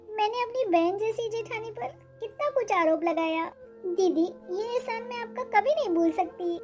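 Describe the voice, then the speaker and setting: Young cartoon mother, emotional and pleading, very high pitch, music underneath. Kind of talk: Hindi cartoon voice acting.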